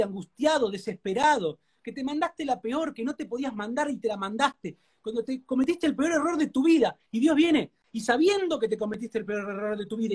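Earnest Rioplatense man giving testimony. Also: extremely high pitch. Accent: Rioplatense Spanish. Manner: earnest, preacherly, repeats phrases for emphasis. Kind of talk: emotional testimony in a live interview.

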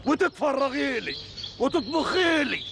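Demanding Egyptian husband: high, lively voice. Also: male voice, moderate pace, creaky, noisy background, heavily acted. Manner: demanding, stubborn. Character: demanding husband, stubborn village man. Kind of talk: TV drama acting.

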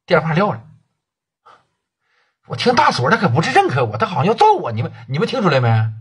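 Husky male storyteller, lively delivery, swears freely. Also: a little high, a little fast. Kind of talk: casual crime storytelling.

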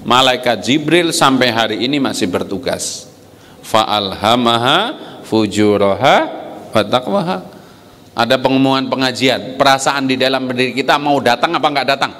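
A man preaching an Islamic lecture with humor, his voice leaping high for emphasis. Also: expressive, moderate pace, a bit bright. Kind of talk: lively religious lecture. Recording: long hall reverb.

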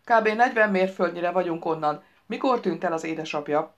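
A woman reading an audiobook, voicing a calm man who answers dryly and matter-of-factly. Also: lowish voice, dull audio, natural voice. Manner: dry, matter-of-fact. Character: dry, calm male trainer, unflappable.

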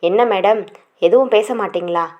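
Woman narrator doing a pushy young suitor in an audiobook: teasing, quick, coaxing. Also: medium pitch, muffled recording, natural voice. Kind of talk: audiobook character reading.

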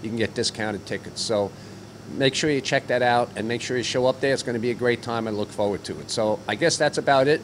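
A man's voice: medium pitch, fast talker, slight background noise. An older man hosting a fishing report on location, chatting casually with many fillers into a handheld mic. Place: outdoors at docks, then inside a deli.

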